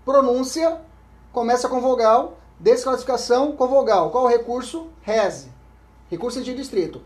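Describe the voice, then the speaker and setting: A man with a Brazilian Portuguese accent teaching an exam-prep law lecture. He reads statutes aloud, repeats key points, keeps checking in with his listeners and often trails off into a low murmur. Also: normal speed.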